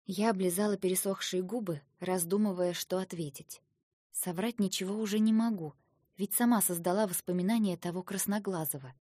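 A woman reading first-person fiction aloud in a soft, subdued manner. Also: mid-range voice, fairly even intonation, brisk, no room sound, clean studio sound. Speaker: audiobook narrator.

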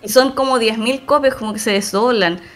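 A woman's voice: on the high side, soft background music. Chilean woman retelling a film. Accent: Chilean Spanish. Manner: animated retelling, slangy, quick asides. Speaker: podcast co-host. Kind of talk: casual chat.

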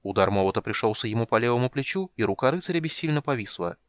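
Fast-reading male audiobook narrator. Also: mid-range voice, animated. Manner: brisk, dramatic reading. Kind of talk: scripted fantasy narration.

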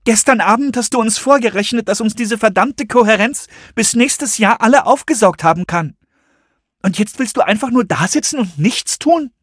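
A man reading an audiobook, voicing a distraught teenage girl in high, pleading outbursts. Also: big pitch swings, unhurried, pauses often, a bit bright, dry recording, studio quality, exaggerated voice. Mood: outraged.

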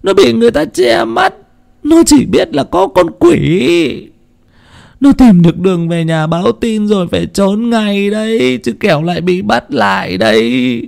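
A man voicing a grieving older village mother who tells of her daughter in a high, strained voice with wailing cries. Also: very animated, creaky, a little mellow, exaggerated voice. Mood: fearful. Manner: wailing lament with drawn-out cries.

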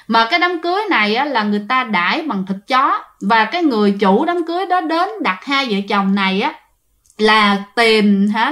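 A woman's voice: fairly high pitch, a bit bright. A woman telling a ghost story in a chatty way, speaking straight to her listeners with many fillers. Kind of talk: told ghost story narration.

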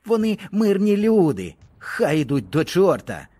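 A man's voice: high-pitched, very animated, measured pace, warm tone, pitched above the performer's own voice, exaggerated voice. A man voicing a hot-tempered young male soldier who barks in a raised, bitter voice. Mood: angry, scornful. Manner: barking, raised voice.

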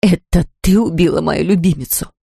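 A woman's voice: normal speed, gravelly, dark tone, breathy edge, no echo, studio quality, heavily acted. A woman voicing a distraught woman who shrilly cries out for her hurt cat in an audiobook. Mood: angry. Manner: shrill, crying out.

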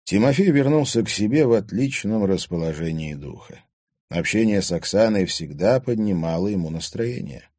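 A man narrating an audiobook in an expressive storytelling manner. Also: lowish voice, normal speed, no echo, clean studio sound. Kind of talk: scripted narration.

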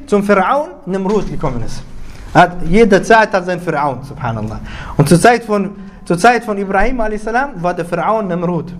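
A man preaching a Friday sermon, retelling a story in an animated way, often repeating and restarting words and dropping Arabic religious phrases into his speech. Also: high-pitched.

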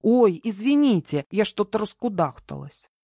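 A woman's voice: medium pitch, big pitch swings, moderate pace, warm tone, breathy edge, no echo, clean studio sound, pitched above the performer's own voice. A woman reading an audiobook voices a kind elderly woman who fusses and chatters, doting and worried. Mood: fussing. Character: kind, fussing elderly woman, a mother-in-law. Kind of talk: audiobook character voice.

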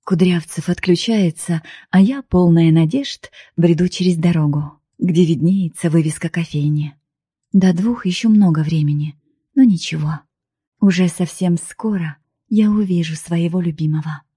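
A woman narrates an audiobook in the first person in a calm, even way. Her voice sits low and dark, with a husky grain, recorded dry and close. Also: normal speed, dry recording. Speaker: audiobook reader.

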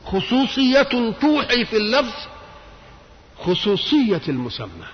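A man's voice: sits high, big pitch swings, unhurried. A man with an Egyptian accent explaining Quran verses in a religious lecture, moving between everyday Egyptian speech and classical recitation, his voice rising sharply on points of emphasis. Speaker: Quran commentator. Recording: dull lo-fi archive tape with faint hiss.

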